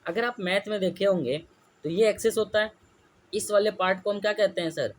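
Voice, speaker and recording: A man's voice: high voice, fairly quick. A man teaching a class lecture. He keeps asking the students questions and answers them himself. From India.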